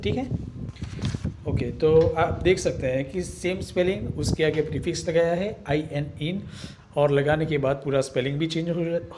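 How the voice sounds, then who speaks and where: A man teaching a children's grammar lesson, reading word pairs aloud slowly and patiently, mixing Hindi with English terms. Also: a little high, noisy background.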